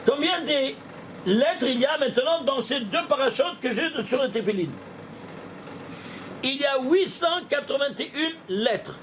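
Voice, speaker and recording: A man teaching a Torah lesson as a rabbi, lively and questioning, talking straight to his listeners. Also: very high voice, slight background noise. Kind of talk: animated Torah lesson with gematria.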